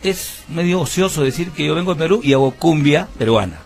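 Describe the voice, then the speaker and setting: Fairly high-pitched, expressive and fairly quick, with some vocal fry, the voice belongs to a Peruvian musician and band founder. In an earnest radio interview, he tells his story at length in Peruvian-accented Spanish, with many fillers and restarts.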